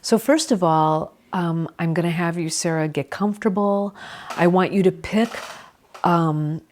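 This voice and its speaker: A woman leading a calm grounding exercise, giving gentle, measured instructions as the guide. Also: on the low side, a little hiss or hum.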